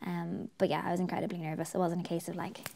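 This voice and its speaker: A young Irish woman, a TV presenter, chatting as an interview guest and telling stories with lively acted-out quotes. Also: lowish voice, fast, vocal fry. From Ireland. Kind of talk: casual interview chat.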